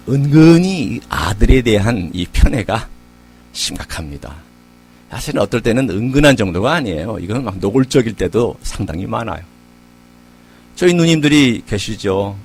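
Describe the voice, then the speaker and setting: A middle-aged man preaching a sermon as pastor, telling stories in a conversational way and asking rhetorical questions. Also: fairly low pitch. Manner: conversational storytelling.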